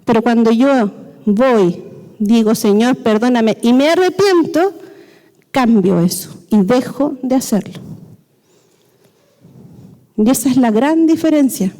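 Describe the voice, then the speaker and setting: A woman's voice: a little high, animated, slow, pauses often, mellow. A woman preacher, giving a sermon and explaining step by step, often checking in with the congregation. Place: church hall. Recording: long hall reverb.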